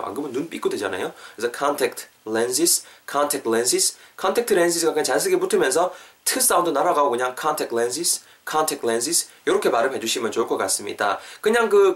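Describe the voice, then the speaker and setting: A man's voice: fairly high pitch, far from the mic. Chatty Korean man teaching English. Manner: chatty, spells words out slowly, self-corrects. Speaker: English teacher, podcast host. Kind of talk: casual podcast lesson.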